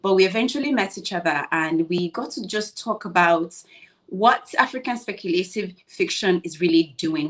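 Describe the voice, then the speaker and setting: Low-voiced, measured woman co-host. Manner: measured, thoughtful, with "um" and "you know". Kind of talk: casual introduction on an online panel.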